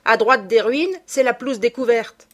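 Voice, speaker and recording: A woman's voice: on the high side, moderate pace, voice pushed up, lightly acted. A woman voicing a young male servant who calls out in raised, urgent tones.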